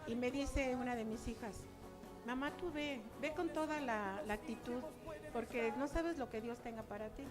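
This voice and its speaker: High-voiced older woman telling her story. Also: moderate pace, over music. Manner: chatty, acts out remembered dialogue. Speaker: church member giving testimony. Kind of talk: personal testimony to a congregation.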